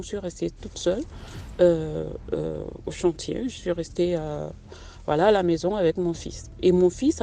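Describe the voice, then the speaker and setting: With a lowish, mellow voice touched by vocal fry, a middle-aged woman gives a casual spoken testimony about her own life. She speaks hesitantly and conversationally, filling her story with fillers and restarts, over a little hiss or hum.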